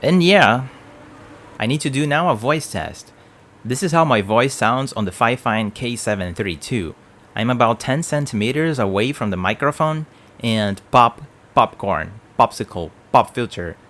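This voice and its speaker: A man's voice: medium pitch, animated, moderate pace, a bit bright. A man giving a plain, explanatory product review at his home work desk, speaking into a desk mic on an arm. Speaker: tech reviewer.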